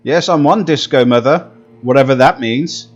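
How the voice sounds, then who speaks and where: A man's voice: medium pitch, moderate pace, lo-fi sound, faint music behind. A man streaming a video game, making jokey, sarcastic asides in casual commentary.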